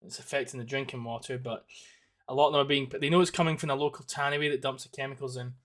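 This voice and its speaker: A man's voice: mid-range voice, steady tone, fast, a bit bright. A young man hosting a podcast in casual chat, swearing freely and breaking into goofy voices. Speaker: podcast host.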